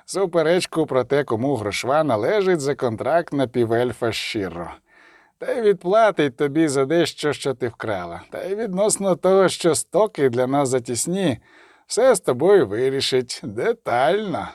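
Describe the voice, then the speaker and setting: Man doing a crude bandit, gruff, threatening, animated pitch, dry close sound. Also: normal speed, dry recording, close to an everyday voice. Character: rough male bandit, bossy and crude.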